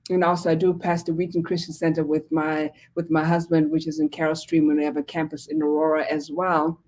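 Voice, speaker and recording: A woman's voice: deep voice, little pitch movement, brisk. A woman in her forties, originally from Zimbabwe, a pastor telling her story as a guest with many fillers. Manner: warm storytelling with frequent fillers. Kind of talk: casual interview talk.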